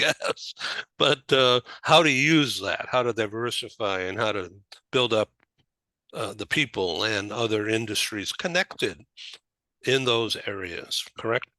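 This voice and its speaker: Male talk show host, bright, chatty, dry audio. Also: fairly low pitch, dry recording. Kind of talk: casual video-call interview.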